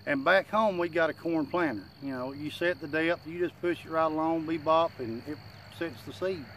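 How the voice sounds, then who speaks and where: A man with a rather high voice speaks in a drawl, a little muffled by chewing tobacco in his lip. He gives folksy, plain-spoken advice as a channel host. Faint outdoor nature noise sits behind him. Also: normal speed, fairly bright tone. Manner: plain-spoken, self-deprecating country talk. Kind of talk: casual, folksy advice talk to camera. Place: outdoors in a wooded yard. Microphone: camera a few feet away.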